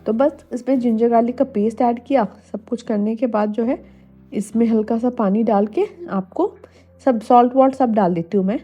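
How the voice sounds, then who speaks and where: A young woman from India, slightly hoarse from a cold, chatting to viewers in a casual cooking vlog voice-over. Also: a little high, moderate pace, mellow, lo-fi sound. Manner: chatty, addresses viewers directly. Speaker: homemaker vlogger. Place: voice-over, not recorded in the pictured kitchen. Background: faint music.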